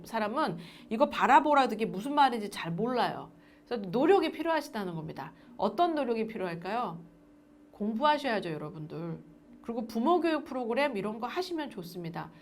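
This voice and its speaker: A woman's voice: fairly high pitch, a little hiss or hum. A woman lecturing parents in a recorded parenting class, often asking her listeners questions. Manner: lively, asks the audience questions.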